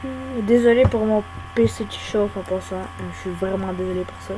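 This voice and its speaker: A young woman who makes gaming videos for YouTube chats casually and hesitantly about her gameplay at her home computer, her talk full of pauses and filler sounds. Her voice is mid-range, and a hum and the whir of a computer fan run beneath it.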